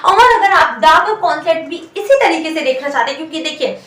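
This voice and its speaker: High, bright woman teaching in an echoey room. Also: animated, fairly quick. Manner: explains patiently, asks and answers her own questions; says "theek hai" after each point. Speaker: English teacher. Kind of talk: whiteboard grammar lesson. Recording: roomy echo from a distant mic.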